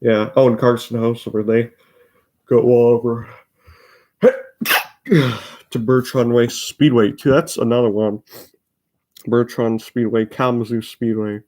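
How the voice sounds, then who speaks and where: A teenage boy from Michigan talks with an Upper Midwest American accent. He hosts a loose, rambling vlog and keeps interrupting himself, filling the gaps with filler words. His pitch sits right in the middle of the range for a young man. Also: level tone, a little slow, long pauses, warm tone. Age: teens. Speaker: racing channel host. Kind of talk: casual rambling vlog talk.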